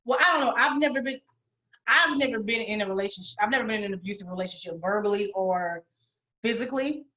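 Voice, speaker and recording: A woman's voice: mid-range voice, quick pace, sharp tone. A young adult woman co-hosting a podcast, talking bluntly and emphatically with frequent swearing in casual chat. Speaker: podcast co-host.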